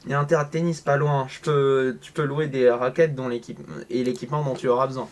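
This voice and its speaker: A man's voice: mid-range voice, fast. A man playing a visual novel, reading its lines aloud and breaking off into sarcastic commentary. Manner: sarcastic, jumps between flat reading and loud outbursts. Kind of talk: casual let's-play commentary and reading. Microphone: home microphone.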